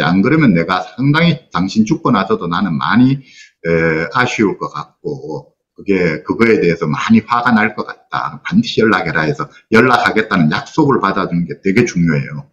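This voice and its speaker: Earnest older man lecturing, lively pitch. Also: dull audio. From South Korea. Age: 60s. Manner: earnest, explanatory, quotes parents' words aloud. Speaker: psychologist and counselor giving a lecture. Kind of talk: online class lecture. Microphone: lo-fi video call audio.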